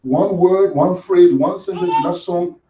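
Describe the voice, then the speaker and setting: A man's voice: sits high, a little slow, heavy background noise. A man giving a conversational teaching sermon at a ministry training, often checking in with "You understand?". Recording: echoey room, far mic, dull, crowd. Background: listeners murmuring agreement.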